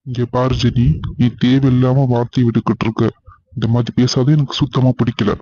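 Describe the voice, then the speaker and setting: A man's voice: a little high, moderate pace, warm tone, close to an everyday voice. A young man acting a husband who argues, then coaxes his wife on a phone call. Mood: defensive. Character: defensive young husband, later apologetic. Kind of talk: acted phone-call drama. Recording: slightly dull lo-fi sound.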